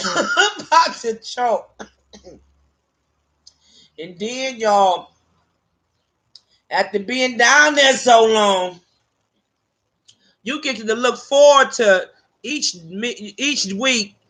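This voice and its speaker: A woman's voice: a little high, extremely slow, pauses often. A woman casually telling a personal story, profane and laughing often between lines. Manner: animated, with vernacular grammar.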